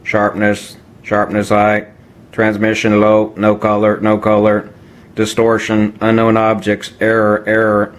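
A man voicing a malfunctioning lens-rating robot that glitches, beeps and repeats words in a clipped monotone. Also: lowish voice, measured pace, close to an everyday voice. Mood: glitching. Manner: clipped monotone machine talk with beeping noises and stuck repeated words. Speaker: photography video host. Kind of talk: comedic skit.

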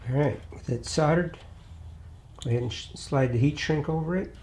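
A man's voice: fairly high pitch, normal speed, slight background noise. Easygoing man walking through a repair. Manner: relaxed, plainspoken, thinks aloud while working. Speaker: DIY auto repair channel host. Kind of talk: hands-on repair tutorial.

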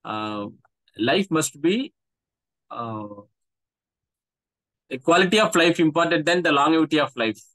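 Halting man with a Tamil accent, higher-pitched. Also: lively intonation, fairly bright tone, dry recording, rough recording. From Tamil Nadu, India. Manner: halting, searching for words. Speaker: guest, career counsellor. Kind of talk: interview answers, anecdotes. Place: small indoor room, video call.

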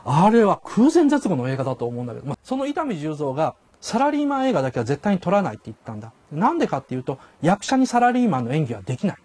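Husky, animated older man critiquing films. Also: a little high, rapid-fire, hardly any pauses. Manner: animated, acts out quoted dialogue in raised voices; chuckles while talking. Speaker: commentator. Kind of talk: casual spoken critique.

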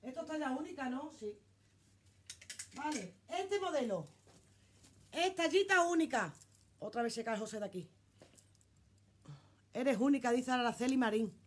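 A woman's voice: high-pitched, lively intonation, measured pace, pauses often, slightly rough. A middle-aged woman with a Spanish accent, selling clothes on a casual live stream from her shop. She chats in an exclamatory way, reads out viewer comments and swears casually. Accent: Spanish from Spain.

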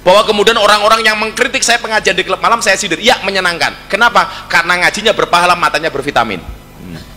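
A man's voice: high voice, lively intonation, fast, pushed and bright, long reverb tail, slight background noise. A middle-aged man with a Javanese accent giving a humorous religious talk, joking and teasing with Javanese asides. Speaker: preacher.

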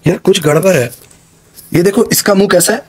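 A middle-aged man, chatting casually on a live stream from his phone, rambling and muttering to himself as he fiddles with cables. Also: high-pitched.

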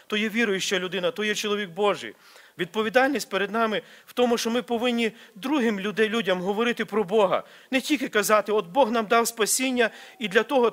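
A man's voice: high voice, a bit bright. A man preaching a sermon at a church service, earnest and repetitive, restarting phrases as he exhorts. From Ukraine or Slavic region.

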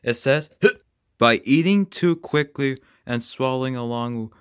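A man voicing a fussy male cartoon bird in a plush puppet skit, halting and repeating his words. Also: mid-range voice, clean tone, no echo, studio quality, lightly acted. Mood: explaining.

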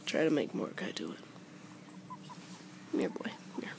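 On a handheld camera in a bedroom, a woman films her family at home, speaking at a moderate pace in a cooing, coaxing baby-talk voice. It's a casual home video with slight background noise.

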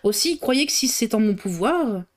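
A woman's voice: expressive, moderate pace, close to an everyday voice. Woman doing a chatty, gossipy housekeeper. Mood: eager. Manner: familiar chatty speech, high and bright.

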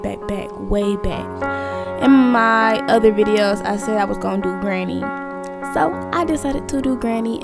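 A young woman YouTuber chatting casually and nervously to her viewers while playing a horror game at home. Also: mid-range voice. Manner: chatty, slangy, nervous and jumpy. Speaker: gaming YouTuber. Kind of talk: casual let's-play chat to viewers. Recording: music playing behind the voice.

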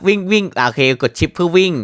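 Male gamer, loose jokey commentary, jumpy, voice swinging high and low. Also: racing, clean tone. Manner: excitable, yelps and shouts at scares; jokey, reads game text aloud with wry asides. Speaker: gaming YouTuber. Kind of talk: casual let's-play commentary.

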